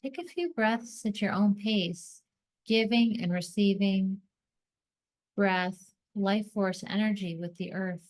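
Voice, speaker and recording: Speaking slowly in a darkish tone, a woman leads a guided meditation at an average pitch for a woman. She reads calming, scripted directions in brief, measured phrases separated by pauses.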